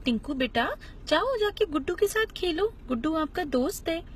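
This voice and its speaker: A woman's voice: extremely high pitch, expressive, normal speed, a little hiss or hum, voice pushed up. A woman doing a patient, firm father. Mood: coaxing. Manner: coaxing, then warning. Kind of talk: children's storytelling.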